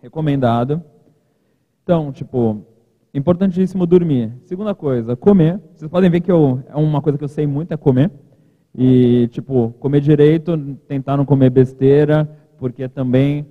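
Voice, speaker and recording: A man giving a casual, joking keynote at a podium in a large conference hall. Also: medium pitch. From Brazil. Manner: chatty, informal, joking asides. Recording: reverberant hall, thin lo-fi sound.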